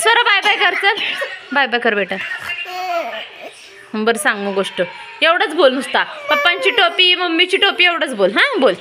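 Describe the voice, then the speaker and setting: A woman's voice: sits high, big pitch swings, moderate pace, long pauses, background noise. A young woman, filming her children at home and coaxing and teasing them with playful scolding. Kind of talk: casual home vlog.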